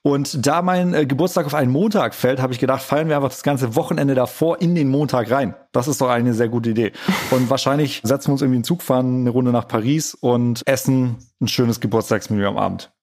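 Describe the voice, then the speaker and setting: A man's voice: medium pitch, fairly quick, a little mellow. A man in his thirties in casual podcast chat, rambling with hesitant fillers. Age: 30s.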